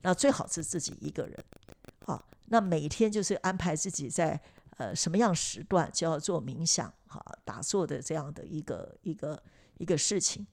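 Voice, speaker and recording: Gravelly-voiced woman chatting reflectively. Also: deep voice, lively intonation, moderate pace, darkish tone. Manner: reflective, chatty, many fillers and restarts. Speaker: podcast host. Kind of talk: casual chat.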